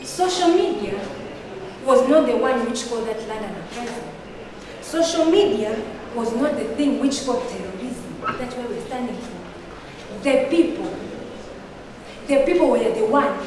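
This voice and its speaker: Her fairly high voice is expressive and measured as this Swahili-speaking teen from Tanzania argues earnestly in a debate speech full of rhetorical questions. The student debater is recorded from far off in an echoey hall, with background noise.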